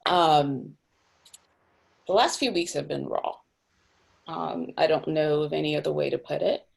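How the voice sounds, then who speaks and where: A low-pitched woman with a heavily gravelly, husky voice, from Cameroon, speaking on a video call. She is a young nonprofit director who talks thoughtfully, pausing with fillers and restarting her sentences. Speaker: executive director of a housing nonprofit.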